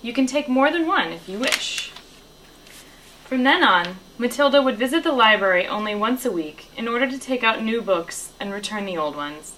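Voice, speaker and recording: A woman reading a children's novel aloud, telling the story in a lively way and raising her voice for the characters' lines. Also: moderate pace, slight background noise, poor audio. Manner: lively storytelling, lifting her pitch for dialogue. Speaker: reader.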